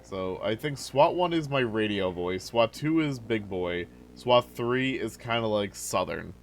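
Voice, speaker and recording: A young male gamer with a lowish voice talks through his play in a loose, chatty way, dropping plenty of filler words. He sounds relaxed, close to a desk microphone. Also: a little slow, slight background noise, rough recording. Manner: laid-back, chatty, many filler "like"s. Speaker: gaming video host. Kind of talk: casual let's-play commentary.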